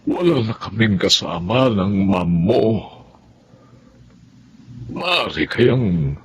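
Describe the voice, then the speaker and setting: An actor playing a remorseful older male employer in a radio drama, apologetic and measured. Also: on the low side, very animated, slightly rough, heavily acted.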